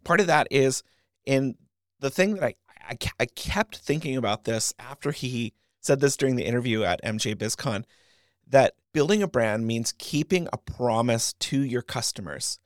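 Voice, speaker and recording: A man's voice: medium pitch, animated, moderate pace, no room sound, clean studio sound. Upbeat male podcast host. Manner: upbeat, chatty, reads bio lists. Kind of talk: podcast intro and interview.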